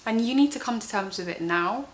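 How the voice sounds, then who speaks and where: A woman's voice: on the high side, expressive, brisk. A young woman co-hosting a casual advice chat, speaking in a frank, informal and reassuring way. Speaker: talk show co-host. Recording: faint background hiss.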